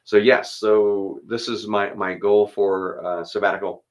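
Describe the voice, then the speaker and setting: A man's voice: fairly low pitch, level tone, a little slow, highs cut off. A man who is a pastor, chatting casually and thinking aloud, then leading a spoken prayer. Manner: easygoing, thinks aloud, chuckles between thoughts.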